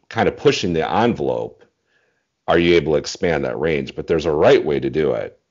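A bass singer in his forties, appearing as a guest in a casual interview about singing technique, explains things in measured phrases with an extremely low, slightly mellow voice. He's on a video call from a small room at home using earphones, so the audio sounds dull.

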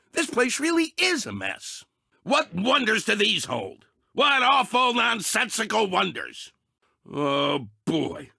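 Short-tempered cartoon anger creature, high-pitched for a man, harsh and sharp, sarcastic, exasperated, raspy, video game character. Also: no room sound, clean studio sound, exaggerated voice. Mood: disgusted. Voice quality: raspy, gravelly, tense. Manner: sarcastic, exasperated, emphatic, blustering. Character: Anger, short-fused, blustering, sarcastic male cartoon emotion.

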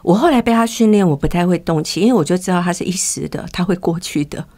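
A woman's voice: fairly low pitch, quick pace, darkish tone. A woman talks in a candid, storytelling way. She is a middle-aged counselor appearing as a guest in a conversational interview. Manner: candid, storytelling, acts out quoted dialogue.

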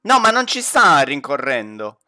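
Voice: medium pitch, sing-song, measured pace, bright, forceful tone, no room sound, clean studio sound. A streamer giving casual, jokey commentary while playing a horror game with a friend, laughing often. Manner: chatty, laughs often, jokey banter with a teammate.

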